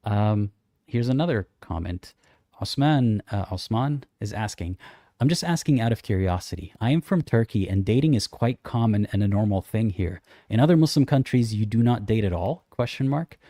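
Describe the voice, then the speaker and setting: A young man co-hosting a casual livestream chat, reading out viewer comments and answering them in a thoughtful, measured way. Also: fairly low pitch, lively intonation, dark tone, no room sound, clean studio sound.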